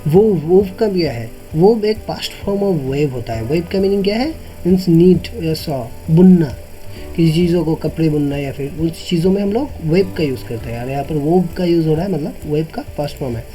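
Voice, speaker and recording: A man teaching English vocabulary, explaining each word in Hindi, asking himself what each word means and often clearing his throat. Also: on the high side, expressive, moderate pace, warm tone, soft background music. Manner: repeats "matlab" and asks himself "what does it mean?" before each word.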